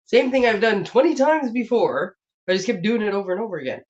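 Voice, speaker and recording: Woman, rambling craft-stream host, laughs a lot, slightly congested, mid pitch, dull lo-fi audio. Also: animated, fairly quick, a little mellow. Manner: rambling and chatty, laughs often. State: recovering from a sinus infection, slightly congested. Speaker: host of a papercraft live stream. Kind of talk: casual live-stream chat. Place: home craft room at her desk. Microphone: webcam setup.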